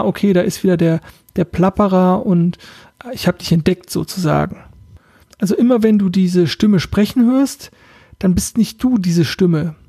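A man's voice: high voice, dark tone, breathy edge, no echo, clean studio sound. A man hosting a self-help podcast, speaking casually and thoughtfully, addressing the listener directly. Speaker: podcast host and coach.

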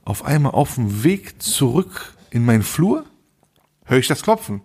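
A man's voice: mid-range voice, big pitch swings, measured pace, a little mellow, breathy edge. A man co-hosting a podcast, telling a story in a casual, slangy way and acting out both sides of the dialogue. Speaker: podcast co-host.

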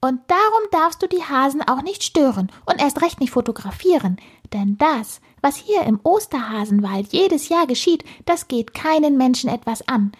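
A woman voicing a cheeky little male squirrel with a squeaky, piping voice, teasing and lecturing in a storybook. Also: animated, normal speed. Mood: explaining. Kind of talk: storybook narration.

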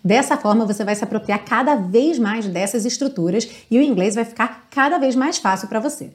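A Brazilian woman teaching English online, explaining patiently and drawing out example words slowly. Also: fairly high pitch. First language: Portuguese. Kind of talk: online English lesson on song lyrics.

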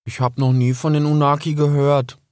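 A man's voice: fairly high pitch, little pitch movement, normal speed, darkish tone, no echo, studio quality, pitched above the performer's own voice, lightly acted. A man voicing a curious, defiant young male fox in an audiobook, in a raised boyish voice.

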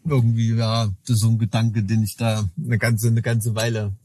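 A man's voice: on the low side, little pitch movement, moderate pace, dark tone, breathy edge. A man co-hosting a podcast in casual chat, rambling with many restarts and tag questions. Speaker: podcast co-host.

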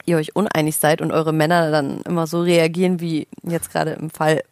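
Chatty woman with a lower voice. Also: flat delivery, brisk, a little mellow. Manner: chatty, reacts with short remarks. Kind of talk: casual chat.

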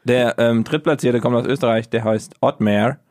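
A man's voice: mid-range voice, fairly even intonation, normal speed, a little mellow. A man co-hosting a casual sports chat, reading out results and stumbling over foreign names. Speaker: podcast co-host.

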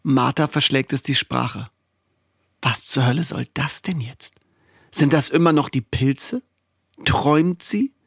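A man narrating a story in a steady, expressive reading voice. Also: mid-range voice, unhurried, creaky, slightly rough, dry recording, clean studio sound. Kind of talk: audiobook storytelling.

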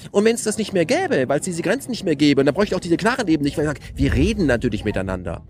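Man, fairly high voice, animated interview talk full of rhetorical questions. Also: rapid-fire, a little hiss or hum. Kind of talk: casual conversation.

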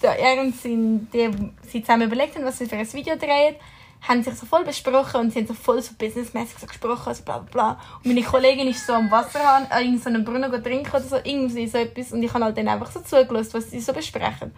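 A woman's voice: fairly high pitch, steady tone, fast. A young woman with a Swiss German accent in casual chat as a podcast co-host, mixing in English slang. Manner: chatty, mixes in English slang.

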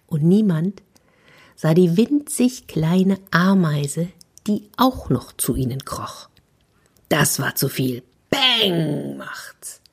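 A woman telling a children's story, softly, sometimes dropping to a whisper. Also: low voice. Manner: soft, with whispered asides.

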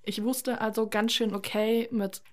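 A woman's voice: on the high side, fairly even intonation, measured pace. A woman co-hosting a casual chat, telling a story with energy, acting out quoted dialogue and swearing now and then. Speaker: podcast co-host.

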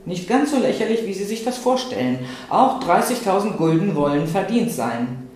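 A patronising older gentleman, smooth and slow, drawing out his words with condescension, as a woman reading aloud puts him on. The voice rings out in a very echoey room, with a faint ambient hum behind it. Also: medium pitch, expressive, voice pushed up, close to an everyday voice. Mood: condescending. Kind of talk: literary reading.

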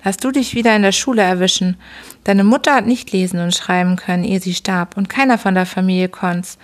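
A woman voicing a gruff, bullying middle-aged father who scolds his son in a bedtime audiobook reading. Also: medium pitch, steady tone, brisk, lightly acted. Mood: threatening. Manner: bullying, scolding, barking questions. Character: gruff shouting drunken old father, middle-aged man.

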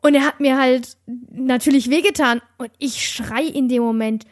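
High-voiced young woman telling a story. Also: normal speed. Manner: animated storytelling with many restarts and fillers. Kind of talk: casual chat.

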